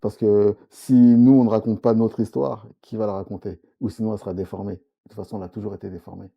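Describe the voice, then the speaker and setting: A man's voice: fairly low pitch, little pitch movement, fast, creaky, dull audio. A man from Congo-Brazzaville, a comics author, speaking earnestly as a guest in a casual interview, with frequent restarts. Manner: earnest, many restarts and fillers, agrees often.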